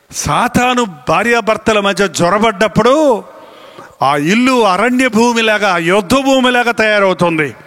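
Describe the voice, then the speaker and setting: Male pastor, high bright voice, animated sermon delivery. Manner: animated preaching, acts out voices of family members.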